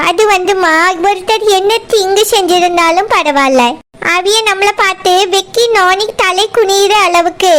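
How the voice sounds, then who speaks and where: A woman playing a gentle old cartoon grandmother with a Kanyakumari Tamil accent and a very high voice. She coaxes and pleads softly for kindness. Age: older. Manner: soothing, pleading. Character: kindly old grandmother who preaches forgiveness. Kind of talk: cartoon voice acting.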